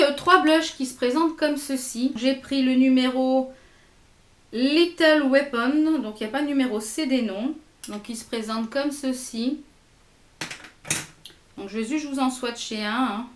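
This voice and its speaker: A woman's voice: on the high side, roomy sound. A woman vlogger chatting casually and hesitantly through a makeup haul, swatching products as she goes. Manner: chatty, hesitant with many fillers, swatching products on her arm. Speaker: beauty vlogger.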